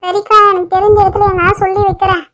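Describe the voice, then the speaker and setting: A woman's voice: very high voice, level tone, fast talker, fairly bright tone, a little hiss or hum. A woman doing a whiny, gossipy neighbor aunty. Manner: whiny, complaining. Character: gossipy complaining neighbor aunty, middle-aged.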